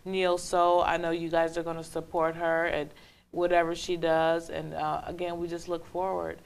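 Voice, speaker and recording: A woman hosting casual interviews, effusive and upbeat, often rising loud and high with enthusiasm. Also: monotone, normal speed, creaky, clean tone. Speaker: host.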